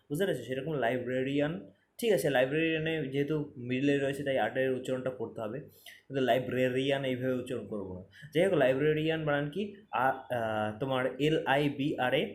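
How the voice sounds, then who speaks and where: Fast-talking male spelling teacher. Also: medium pitch, slight background noise. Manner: spells words letter by letter, repeats for emphasis. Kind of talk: exam-prep spelling lesson. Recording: roomy echo, faint ambience.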